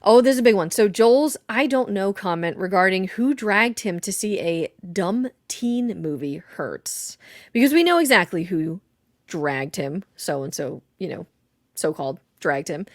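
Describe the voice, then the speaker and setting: A woman co-hosting a casual podcast, talking things through in a thoughtful, easygoing way with the odd laugh and curse. Her voice sits at a middle pitch. The recording is close and dry, with no room sound. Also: expressive, measured pace, dry recording. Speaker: podcast co-host. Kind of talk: casual chat analyzing a video game. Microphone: desk mic.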